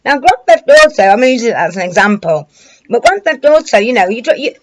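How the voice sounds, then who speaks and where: A woman's voice: a little high, very animated, quick pace. Rambling British woman giving commentary. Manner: rambling, hesitant, colloquial. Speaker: online commentator. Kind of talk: informal news commentary to camera.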